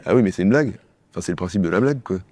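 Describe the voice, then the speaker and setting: Male sketch comedian, low register, rapid-fire bickering delivery, dry close sound. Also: animated, a little mellow, dry recording. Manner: quick, bickering back-and-forth between two characters.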